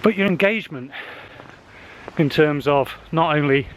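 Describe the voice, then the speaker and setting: A social media marketing vlogger with a fairly high-pitched voice talks a little slowly. He's walking a wooded hill path, chatting casually to a handheld camera, slightly out of breath and leaning on fillers, and faint outdoor noise comes through.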